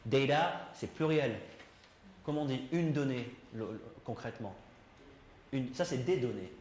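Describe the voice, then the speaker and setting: In this classroom lesson, a man with a medium-pitched, slightly mellow voice teaches English at a measured pace, chatting as he explains and quizzing his students. There is roomy classroom echo and faint background noise.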